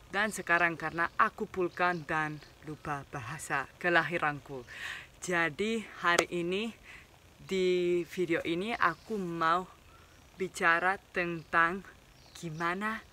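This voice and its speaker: A man's voice: high voice, slow, bright, forceful tone, slight background noise. A man from Spain, a native Spanish and Basque speaker, talks casually to viewers as a foreigner speaking Indonesian with a mixed foreign accent and informal slang. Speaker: vlogger. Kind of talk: casual vlog talk to viewers.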